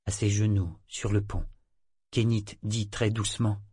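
A man reading a novel aloud as narrator, in a measured, even way. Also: on the low side, slightly rough, no echo, studio quality. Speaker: audiobook narrator. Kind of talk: scripted narration.

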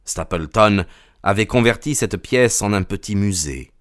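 Male narrator, low voice, dry close sound, measured storytelling. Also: expressive, no room sound. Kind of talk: audiobook narration.

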